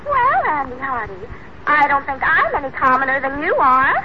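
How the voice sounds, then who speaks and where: Spirited, high-voiced young sweetheart. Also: female voice, very animated, moderate pace. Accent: American. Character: spirited young sweetheart, quick to tease and gush. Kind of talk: old-time American radio comedy acting. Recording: muffled, noisy old radio broadcast.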